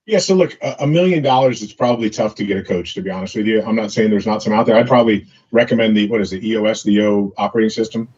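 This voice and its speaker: Speaking very fast with few pauses, this entrepreneur guest rambles through business anecdotes in a casual interview, leaning on fillers. His lowish voice has a darkish tone and a breathy edge, heard through dull lo-fi audio.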